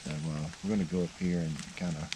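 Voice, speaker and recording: Deep voiced hunter guy, monotone casual vlog update out in the field. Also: fast talker, background noise. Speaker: hunter hosting a hunting vlog. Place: outdoors in the field while hunting.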